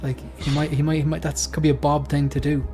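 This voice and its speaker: A man taking part in a quiz, chatting casually and reasoning out loud in a rambling way. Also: fairly high pitch, little pitch movement, quick pace. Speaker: quiz contestant. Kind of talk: casual chat, thinking out loud. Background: faint music.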